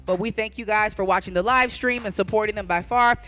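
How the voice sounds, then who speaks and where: Speaking live from the stage of a bodybuilding show, an announcer calls out directions to the competitors and addresses the audience. The voice is medium-pitched, fairly quick, bright and forceful, with event music in the background.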